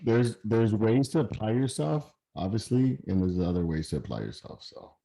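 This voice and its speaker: Sick, hoarse man with a low voice. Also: expressive, moderate pace, dark tone. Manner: laid-back, defensive banter. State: sick with a sore throat. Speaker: podcast co-host. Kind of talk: casual chat.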